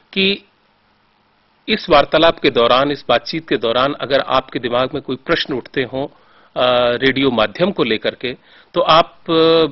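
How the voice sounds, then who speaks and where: A man hosting a studio discussion, speaking formally and in a measured way, with filler pauses. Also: medium pitch. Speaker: host. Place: television studio. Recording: dull lo-fi broadcast audio.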